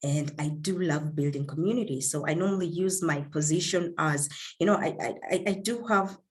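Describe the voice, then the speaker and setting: A woman from Kenya gives an online leadership talk over a video call, earnest and warm, with many fillers and repeated words. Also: low voice, moderate pace. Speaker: guest speaker.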